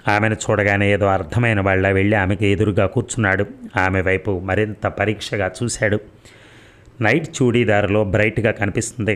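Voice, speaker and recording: A man narrating a serial audio story, reading the lines of every character in one steady voice. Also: on the low side. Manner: reads dialogue of all characters in one steady voice.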